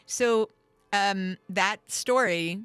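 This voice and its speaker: A woman's voice: medium pitch, drawn-out words, a bit bright, clear, resonant tone, no room sound. A middle-aged woman telling long, rambling stories as a guest in a casual radio studio interview, full of fillers and restarts. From Canada. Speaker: guest musician and writer.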